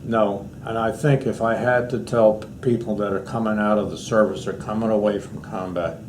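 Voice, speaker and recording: A man's voice: lowish voice, steady tone, normal speed, a little mellow. An American man in his eighties, an old veteran remembering his service in a rambling, anecdotal way during an interview. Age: 80s. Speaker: war veteran being interviewed. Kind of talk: reminiscing in an oral history interview. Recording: noisy interview recording with room ambience.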